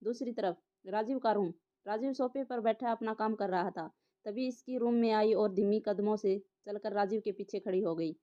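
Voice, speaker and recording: A woman narrating an audio drama in a steady storytelling read. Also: medium pitch, moderate pace. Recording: slightly dull lo-fi audio.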